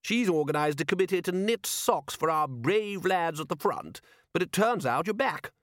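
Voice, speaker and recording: A man voicing a brisk, kindly aristocratic lady in an audiobook, bright and fussing. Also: high voice, expressive, no echo, clean studio sound, voice pushed up. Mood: fond.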